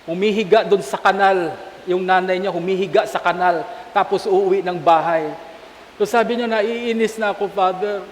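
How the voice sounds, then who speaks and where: High-voiced Filipino preacher in a church. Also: male voice, steady tone, moderate pace. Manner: switches between Tagalog and English, asks the congregation "Amen?". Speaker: bishop preaching at Mass. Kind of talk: sermon. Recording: echoey church hall with faint hiss.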